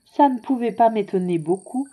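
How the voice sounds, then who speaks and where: A woman reading a storybook aloud in a calm, measured way. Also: a little high. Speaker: reader.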